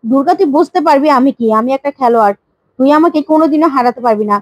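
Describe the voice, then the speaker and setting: A woman's voice: high-pitched, rapid-fire, darkish tone, no room sound, highs cut off, lightly acted. A woman voicing a boastful fugitive villain who taunts and threatens, in a retold serial story. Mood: taunting. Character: scheming fugitive middle-aged man, boastful villain.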